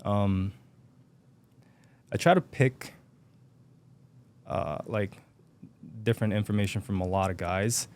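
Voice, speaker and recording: Low-voiced young man, hesitant speech. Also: takes it slowly, long pauses, darkish tone. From Japan. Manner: hesitant, many fillers and restarts. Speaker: podcast guest. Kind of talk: casual interview chat.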